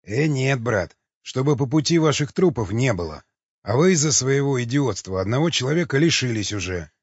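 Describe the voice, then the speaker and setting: A man's voice: medium pitch, animated, normal speed, breathy edge, no room sound. A man voicing a cold, mocking cannibal mercenary in an audiobook, with a sarcastic, menacing delivery. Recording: dull lo-fi sound.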